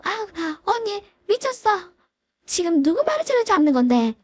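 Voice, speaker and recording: A bratty young sister-in-law with a piercing, shrill voice, done by a woman reading a dramatized story. She speaks in sharp, insulting jabs with a pitch that leaps up and down. The voice is close and dry. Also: sing-song, normal speed, no room sound. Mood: shrill whining. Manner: taunting, insulting.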